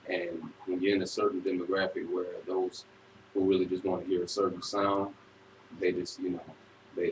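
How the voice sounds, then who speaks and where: A man in his twenties from Florida, a rapper answering interview questions in a measured, thoughtful way. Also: deep voice. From Florida, USA. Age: 20s. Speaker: rapper, guest. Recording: echoey room from far off, clear noise.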